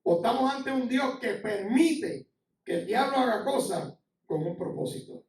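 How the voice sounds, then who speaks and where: A man's voice: very high-pitched, animated, measured pace. A middle-aged man with a Puerto Rican accent, preaching a sermon in an impassioned, conversational way, sharing personal testimony. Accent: Puerto Rican Spanish. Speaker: pastor. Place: church sanctuary. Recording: echoey church, from far off.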